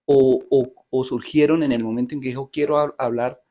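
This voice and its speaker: A man's voice: mid-range voice, steady tone, fairly quick, mellow. A man from Colombia interviewing a novelist, asking long, polite and carefully elaborated questions.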